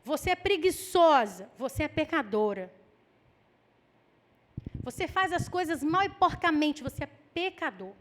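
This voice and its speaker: A woman with a Brazilian Portuguese accent preaching a lively sermon, acting out people's excuses in mock voices. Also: high-pitched, unhurried, long pauses.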